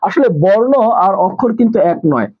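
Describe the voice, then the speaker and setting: A man runs a live online exam-prep class in a high-pitched, husky voice, very animated and brisk. He repeats key points and asks questions that he answers himself, and the recording sounds muffled.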